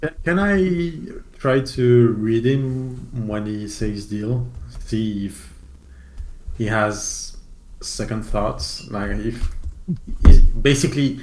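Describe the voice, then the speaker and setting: A man playing in a tabletop game, talking in a dry, deadpan way. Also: medium pitch, slow pace, echoey room, poor audio. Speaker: player. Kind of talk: casual tabletop game chat.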